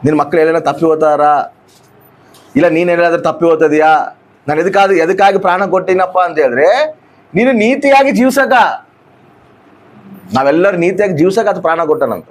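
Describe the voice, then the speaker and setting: A man's voice: a little high, a little fast, pauses often. A man. He repeats his phrases and drives the point home with question after question, then answers them himself. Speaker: pastor. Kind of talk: sermon.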